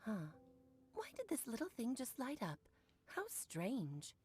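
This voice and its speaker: A woman's voice: on the high side, huge pitch swings, measured pace, darkish tone. A woman voicing a playful, coy older witch in a video game, with a theatrical, teasing storyteller delivery. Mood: puzzled. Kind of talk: scripted video game dialogue. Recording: music under the voice.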